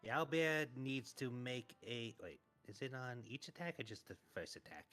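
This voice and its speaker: Bright-voiced man at a game table. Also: medium pitch, lively intonation, normal speed, soft background music. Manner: casual, thinks aloud over the rules. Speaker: player. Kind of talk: casual tabletop play.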